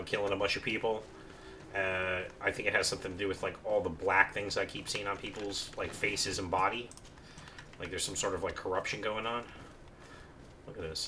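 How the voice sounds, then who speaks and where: A man narrating his own gameplay in a relaxed, rambling way, full of ums and restarts. His voice is low yet bright and forward, with faint noise underneath. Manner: casual, rambling, with many fillers. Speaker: gameplay commentator. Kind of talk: let's play commentary.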